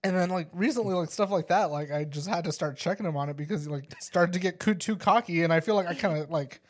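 A man's voice: high voice, quick pace. A young man, a podcast host and father, chatting casually and telling rambling stories, laughing often and filling his talk with "like". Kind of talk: casual chat.

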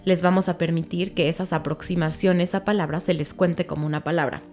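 A woman's voice: on the low side, steady tone, fairly quick, darkish tone, faint music behind. A woman speech therapist, patiently explaining with examples and checking that her listener follows. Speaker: child language therapist. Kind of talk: explanatory interview talk.

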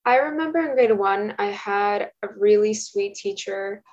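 A young woman whose first language is Russian answers casual interview questions at home, hesitant and thoughtful with many fillers, while a roommate is nearby. Her medium-pitched voice is expressive and a little mellow at normal speed, captured in a dull lo-fi recording.

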